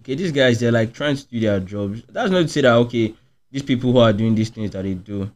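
Male podcast co-host, medium pitch, casual and rambling, laughs a lot. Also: a little fast, a little mellow. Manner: laughs often, loose rambling with many fillers. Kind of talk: casual chat.

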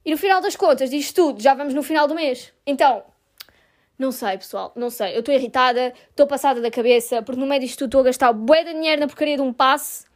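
A woman's voice: high voice, quick pace. A young woman with a European Portuguese accent hosting a casual podcast, venting her frustration with swearing and sarcasm. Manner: exasperated, swears a lot, sarcastic. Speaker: podcast host.

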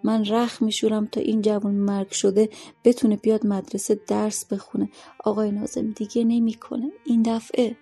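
Lady doing a teary old granny begging and cursing, mellow voice. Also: mid-range voice, flat delivery, husky, faint music behind. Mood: pleading. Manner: tearful pleading and cursing. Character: grieving poor old grandmother, pleading.

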